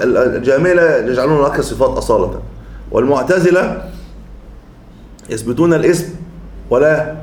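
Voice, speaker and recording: A man teaches a classical creed text in a steady, mid-range voice. He works through each term slowly and often repeats or restarts his words as he explains. The room gives his voice a noticeable echo. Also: medium pitch. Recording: echoey room.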